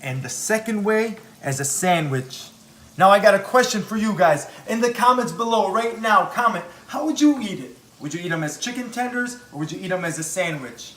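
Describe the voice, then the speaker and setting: An upbeat, enthusiastic cooking show host with a high-pitched, animated, slightly bright voice speaks at a moderate pace. He talks directly to viewers from his home kitchen while oil fries and sizzles in the background.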